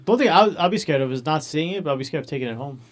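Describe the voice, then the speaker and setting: A man's voice: on the high side, expressive, rapid-fire. A man co-hosting a casual podcast from a hotel room, asking probing questions. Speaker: podcast co-host. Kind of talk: casual chat.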